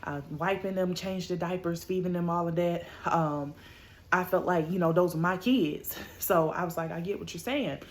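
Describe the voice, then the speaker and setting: Woman, thirties, casual vlog talk, somewhat low voice, lots of ums and you knows. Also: moderate pace, slight background noise. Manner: chatty, many fillers, praises God. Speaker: motivational vlogger. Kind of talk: casual personal story to camera.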